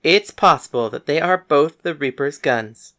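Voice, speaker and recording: A woman's voice: sits low, animated, normal speed, a bit bright. A woman voicing a bold, frank young gunslinging woman in an audiobook, speaking in a blunt, matter-of-fact way. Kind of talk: audiobook character voice.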